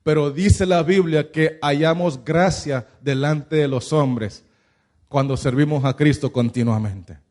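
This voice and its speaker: Pastor, male, high voice, sermon delivery built on rhetorical questions. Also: measured pace, a little mellow. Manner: preaching with many rhetorical questions.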